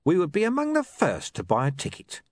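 A man's voice: a little high, huge pitch swings, fairly quick, no echo, clean studio sound, voice pushed up. A man doing a sly, clipped criminal.

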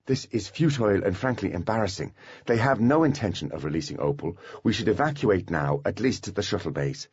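A man's voice: on the low side, animated, fairly quick, a little mellow, husky, muffled recording. A man voicing a cool, impatient young male genius who speaks in a precise, formal, cold way.

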